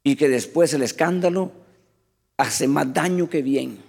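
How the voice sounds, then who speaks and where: A man preaching a sermon as pastor, animated and often addressing the congregation as brothers. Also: a little high, measured pace, creaky, husky, in a large hall.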